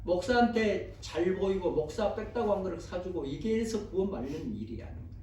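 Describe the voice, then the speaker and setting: A man's voice: high-pitched, expressive, brisk, dark tone, a little hiss or hum. A man pastor preaching a sermon, firm and emphatic, putting rhetorical questions to the congregation. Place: church sanctuary. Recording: very echoey hall, voice far from the mic.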